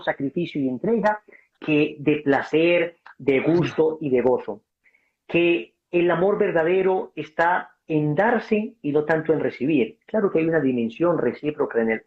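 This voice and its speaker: A man's voice: on the high side, moderate pace. Emphatic man preaching on a call. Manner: emphatic, acts out dialogue, addresses listener as brother. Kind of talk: passionate preaching-style talk. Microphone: video call. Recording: dull lo-fi video call audio.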